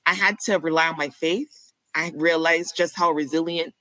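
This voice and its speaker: Lower-voiced bright woman from Barbados. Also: steady tone, normal speed, no echo, poor audio. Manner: clear, explanatory and candid. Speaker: physician guest. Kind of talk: conversational podcast interview.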